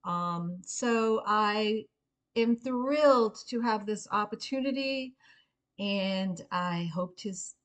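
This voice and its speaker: A middle-aged woman giving an earnest, informal spoken pitch as personal storytelling, in a halting way with frequent pauses. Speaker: Reiki practitioner and memoir author pitching a book.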